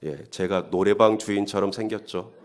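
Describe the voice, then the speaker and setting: A male pastor preaches a sermon at an early-morning Holy Week service in a fairly low, fairly even voice at a moderate pace. He speaks conversationally, building up to emphatic questions.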